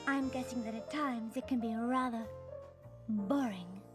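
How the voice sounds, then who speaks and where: A woman's voice: a little high, measured pace, music in the background, lightly acted. An actress voicing a fashionable, theatrical young female pony who plays detective and narrates the story. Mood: persuasive. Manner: theatrical, refined, gushing over fabrics. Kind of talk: cartoon voice acting with narration.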